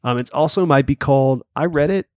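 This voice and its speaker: In a clean, echo-free studio recording, a male podcast co-host talks casually, rambling and full of fillers and restarts. His medium-pitched voice is a little mellow and moves at a brisk clip.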